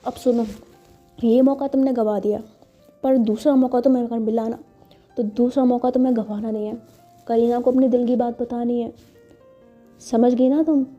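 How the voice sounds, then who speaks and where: A woman's voice: fairly high pitch, steady tone, normal speed, pauses often, close to an everyday voice. A woman voicing a pushy, bossy young woman who scolds and urges her friend on, on a dull lo-fi recording with faint music.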